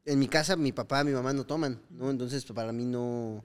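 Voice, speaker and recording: A man's voice: mid-range voice, fairly even intonation, a little fast, a crowd in the background. A man with a Mexican accent in casual podcast chat, telling stories full of slang and acting out the quoted lines of people in them. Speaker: podcast co-host.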